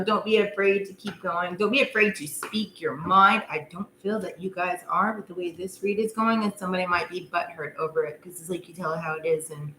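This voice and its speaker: A woman's voice: lowish voice, a bit bright. A woman hosting a live tarot reading, chatting casually with her viewers and laughing often. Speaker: tarot reader. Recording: echoey room with faint noise.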